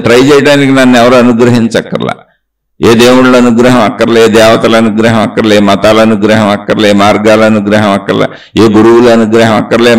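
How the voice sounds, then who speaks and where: A male spiritual teacher speaks in a mid-range voice, neither high nor low. He builds his discourse from long rhythmic chains of repeated phrases. He keeps turning to the listener with rhetorical questions. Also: gravelly, poor audio.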